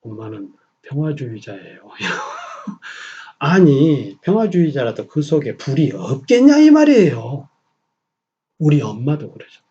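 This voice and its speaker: A middle-aged man preaching a Sunday sermon in a small church, swinging from loud emphasis to soft near-whispers. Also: a little high, very animated, measured pace, slightly rough, highs cut off. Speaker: pastor.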